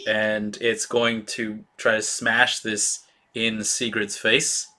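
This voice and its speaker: A man running a tabletop role-playing game as game master, describing scenes in a halting way with many fillers. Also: fairly low pitch, flat delivery, pushed and bright.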